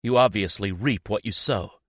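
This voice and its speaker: Here a man performs an audiobook character, a bitter young woman who feels betrayed and is furious, scornful and accusing, raising his medium-pitched voice far above his own. He sounds very animated at normal speed, and the studio recording is clean and echo-free.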